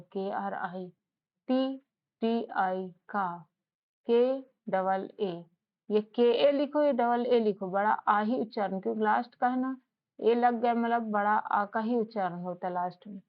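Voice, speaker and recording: A woman in a mid-range voice gives an informal spelling lesson. She speaks patiently and keeps asking the learner questions to check they follow. The recording sounds slightly muffled and lo-fi. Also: mid-range voice. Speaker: English teacher. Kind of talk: casual spoken lesson. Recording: slightly dull lo-fi audio.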